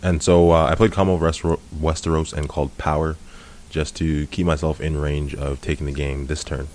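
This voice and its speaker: A man with an extremely deep voice looks back on a card game he played. He talks in a relaxed, easygoing way and laughs readily. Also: brisk, slight background noise. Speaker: player reviewing his own match. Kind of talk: casual game commentary.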